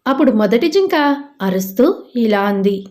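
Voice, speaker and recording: Bright-pitched woman telling a storybook tale. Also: normal speed. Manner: lively, expressive storybook telling. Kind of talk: children's moral story narration.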